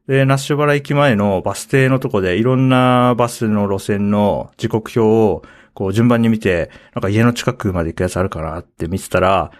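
A young man on a podcast, telling relaxed stories full of fillers. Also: on the low side, moderate pace, hardly any pauses. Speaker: podcast host. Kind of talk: casual chat.

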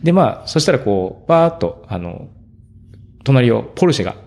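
A man in his thirties chatting casually as a podcast co-host, telling stories in a relaxed way and growing animated when amused. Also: medium pitch, brisk, creaky. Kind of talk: casual chat.

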